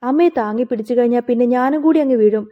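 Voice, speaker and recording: Woman reading as lazy college-age daughter, sneering, higher voice, phone-like sound. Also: fast talker, lightly acted. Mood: dismissive. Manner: dismissive, sneering.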